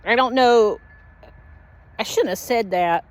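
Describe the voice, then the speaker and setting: An older widowed woman talking slowly and heartfelt in a casual personal vlog recorded at home. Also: on the high side. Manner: slow, rambling, heartfelt. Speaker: vlogger.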